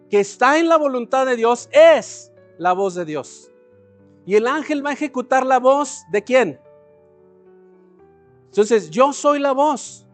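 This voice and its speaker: Here a man whose voice is high and light gives a sermon with faint, soft music beneath it. He interprets scripture, throws out questions he answers on his own, and has the congregation repeat phrases after him.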